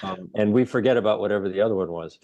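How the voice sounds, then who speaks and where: A middle-aged man from Ohio, a guest researcher telling stories in a casual interview, animated and emphatic. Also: rapid-fire, gravelly, muffled recording. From Ohio, United States. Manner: animated storyteller, rising to emphatic highs. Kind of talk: casual conversation.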